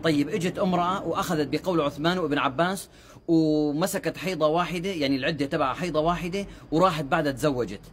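A male preacher talks in a high voice, in short religious advice segments. He speaks fast and earnestly, explaining points and reciting quoted sayings at length. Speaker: Islamic preacher.

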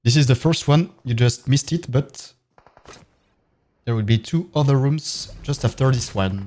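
A man's voice: medium pitch, a little slow, a little mellow. A man with a French accent, chatting casually on a live game stream and thanking viewers one by one as he plays.

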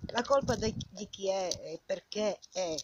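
An older woman with a husky old woman's voice delivers an indignant, scolding monologue straight at the listener, full of rhetorical questions and repeated phrases. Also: medium pitch, a little slow, background noise. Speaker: vlogger. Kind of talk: impassioned informal monologue addressed to the viewer. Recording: dull lo-fi sound.

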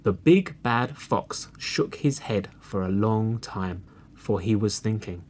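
A man reading a children's fairy tale aloud, slow and expressive. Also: on the low side, a little hiss or hum. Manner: slow and expressive, clearly read for learners. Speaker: storyteller. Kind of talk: storybook reading.

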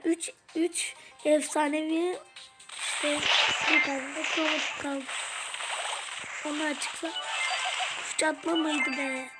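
High-voiced woman giving casual game commentary. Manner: chatty, reacts aloud to the game. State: groggy, just woke up. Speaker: gaming channel host. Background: game music.

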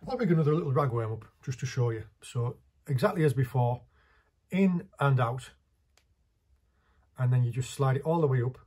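A man's voice: medium pitch, expressive, normal speed, long pauses, a little mellow, husky. A man, casually talking through a hands-on fishing tutorial while he works, in a small indoor workshop. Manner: chatty, practical, talks while working with his hands.

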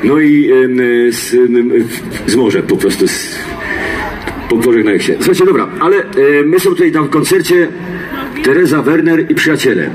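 A man's voice: mid-range voice, normal speed, poor audio. A middle-aged man with a Silesian accent bantering with an audience in dialect, jokey and folksy, repeating himself as he goes, through a handheld microphone on an outdoor stage. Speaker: comedian and singer, stage entertainer. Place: outdoor stage in a town square. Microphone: handheld microphone through loudspeakers. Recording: live PA with music, filmed from audience.

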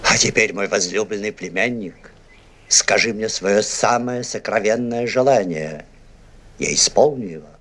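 An actor playing a sly old Maghrebi sorcerer posing as a loving uncle, theatrical and grandly commanding, in a fairy-tale film. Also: male voice, on the low side, measured pace, fairly bright tone. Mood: ingratiating. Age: older. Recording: noisy vintage 1960s film soundtrack.

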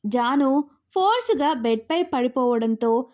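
A woman narrating a romantic audio story in a lively, expressive way. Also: high voice, measured pace.

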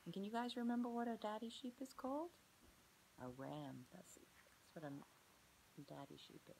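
A woman preschool teacher gently reading a picture book aloud to children and asking them questions about the pages. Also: medium pitch, big pitch swings, normal speed, creaky, a little hiss or hum, poor audio.

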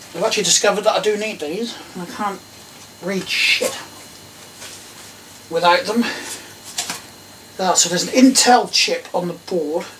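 Here a middle-aged man with an English accent speaks in a high, slightly bright voice, casually musing and second-guessing himself while fiddling with old gear for his video. A camera mic placed a little away captures the small tiled workshop, where tool clatter makes clear background noise.

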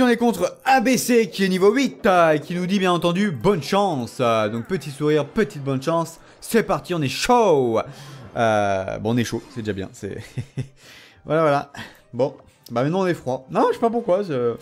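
High, lively man teasing through gameplay. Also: moderate pace, faint music behind. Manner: animated, teasing and self-mocking, laughs often, bursts into excited shouts. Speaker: gamer commenting his own matches. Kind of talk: gameplay commentary.

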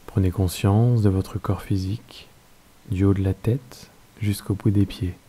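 French male meditation guide, deep and soft-spoken, slow calm delivery. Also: slightly rough. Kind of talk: guided yoga nidra meditation.

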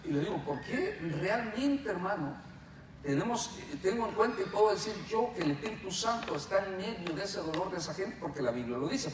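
Male pastor, preaching a sermon, high voice, captured from afar in a very echoey hall. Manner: preaching with rhetorical questions and acted quotes. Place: church hall. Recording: very echoey hall, distant mic, faint hiss.

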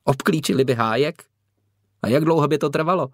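A man's voice: on the high side, lively intonation, no echo, studio quality. A man voicing a proud, wary teenage heir who talks in a brusque, growling way, for an audiobook. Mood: scornful. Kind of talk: audiobook character voice.

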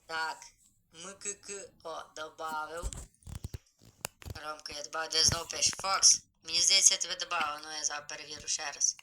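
A man live-streaming a game, chatty and excited, greeting viewers as he plays. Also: a little high, brisk, noisy background.

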